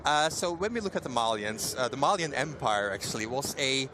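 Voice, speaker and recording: A man's voice: medium pitch, expressive, a little fast, a crowd in the background. A man being interviewed about a strategy game he works on, explaining in a friendly way with many fillers and restarts. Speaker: game developer guest. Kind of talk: casual interview at a trade fair.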